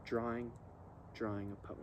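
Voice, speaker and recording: A man reading poems aloud and musing on them in halting short phrases while he smokes a cigar. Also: mid-range voice, flat delivery. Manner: smoking a cigar while talking. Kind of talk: slow, musing poetry reading with casual asides. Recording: faint ambient background noise.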